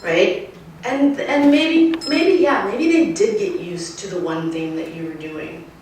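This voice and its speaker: A woman's voice: medium pitch, measured pace. Woman wildlife expert talking to a crowd outside, emphatic, mic kinda far off, super echoey. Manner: lively, emphatic, keeps asking the crowd "right?". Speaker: urban wildlife specialist. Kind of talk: outdoor public talk. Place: outdoors at a nature center. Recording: echoey, distant, faint noise.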